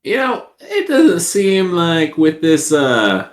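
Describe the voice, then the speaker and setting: Brief: man playing a brash captain, low drawl, echoey room. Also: wildly swooping pitch, takes it slowly, full character voice. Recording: roomy echo.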